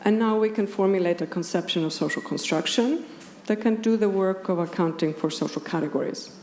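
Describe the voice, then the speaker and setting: Here an academic philosopher, a woman from Iceland whose native language is Icelandic and whose accent shows it, gives a partly scripted conference lecture with measured precision. Her voice is medium in pitch with a darkish tone, and the roomy indoor hall, filled with an audience, has clearly audible background noise.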